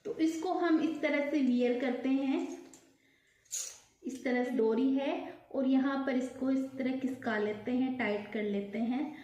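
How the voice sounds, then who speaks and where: In an echoey room at home, a woman vlogger with a high, mellow, soft-edged voice patiently explains each piece step by step at an unhurried pace. The recording sounds muffled.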